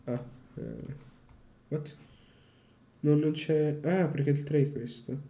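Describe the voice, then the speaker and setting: A man studying on his own in a casual vlog, reading aloud haltingly, repeating syllables and swearing when he stumbles. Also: fairly high pitch, fairly even intonation, warm tone. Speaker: language learner.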